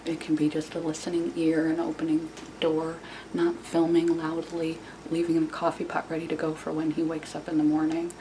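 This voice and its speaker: Female vlogger, hushed and quiet as if not to wake anyone, flat low delivery, informal advice, noisy room recording. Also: normal speed, few pauses. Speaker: video channel host. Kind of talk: casual self-help vlog, informal advice talk.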